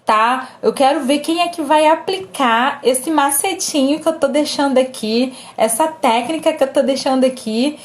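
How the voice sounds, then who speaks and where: A woman with a Brazilian Portuguese accent giving casual advice to her viewers in a gentle, reassuring way, often pausing on fillers and checking that they follow. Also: sits high. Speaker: presenter giving family advice.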